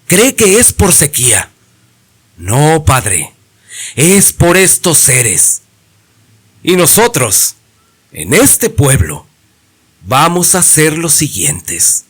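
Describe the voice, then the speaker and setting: A man's voice: on the high side, huge pitch swings, very slow, pauses often, breathy edge, heavily acted. A man voicing a blunt, fearful young hunter's apprentice who gives ominous warnings.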